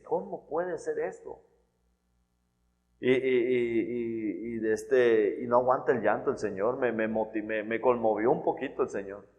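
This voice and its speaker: A man preaching a sermon in an earnest, conversational way, often restarting and checking in with "¿verdad?". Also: mid-range voice. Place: church hall. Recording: long church-hall reverb.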